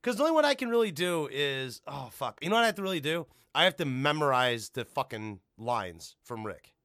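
Lively, profane man joking on a podcast. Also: on the high side, brisk. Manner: profane, joking, prone to excited gasps. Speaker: podcast co-host. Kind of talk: casual chat.

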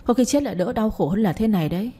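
A woman's voice: mid-range voice, expressive, very fast, dark tone, husky. A woman voicing a young daughter in disgrace who speaks listlessly and without hope. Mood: despairing. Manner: listless, hopeless.

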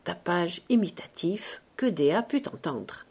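A woman narrating a classic novel as an audiobook, measured and expressive. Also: lowish voice, husky.

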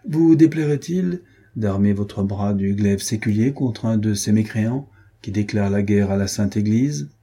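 A man voicing a sly, scheming male captain in an audiobook, speaking in a measured way. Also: lowish voice, dark tone, breathy edge.

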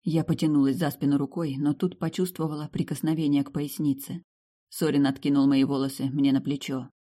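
A woman reading a first-person romance fantasy novel aloud as an audiobook narrator, with lively shifts in tone. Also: sits low, a little fast. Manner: lively, sharp tone shifts between quips and narration.

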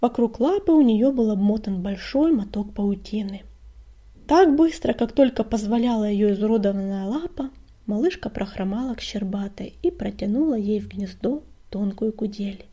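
A woman narrating a storybook in a soft whisper. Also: mid-range voice, animated, normal speed. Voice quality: whispered, breathy. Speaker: audiobook narrator.

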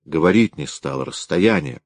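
A man reading aloud voices a young field detective reporting in a brisk, matter-of-fact way. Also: extremely low pitch, lively intonation, dry recording, exaggerated voice.

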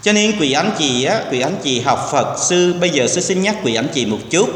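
A man's voice: a little high, expressive, moderate pace, a bit bright, a little hiss or hum. A man, a Buddhist monk, giving an earnest, exhorting sermon to a temple congregation, now and then dropping in English words. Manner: earnest, exhorting, acts out quoted speech. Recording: echoey hall with long reverb.

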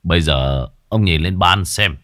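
A man playing a shrewd, calm exorcist master. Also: low voice, a little slow, soft background music.

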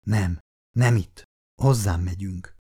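A man's voice: low-pitched, warm tone, husky. A man playing an earnest, passionate prime minister in an audiobook story. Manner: earnest and serious.

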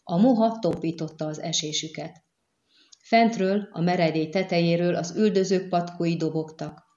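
Woman audiobook narrator, lowish voice, roomy dull recording. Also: warm tone. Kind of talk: scripted narration.

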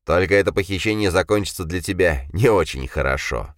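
A man's voice: sits low, animated, fairly quick, dry recording, clean studio sound. A man voicing a cruel, half-mad young nobleman villain in an audiobook, with gloating mockery.

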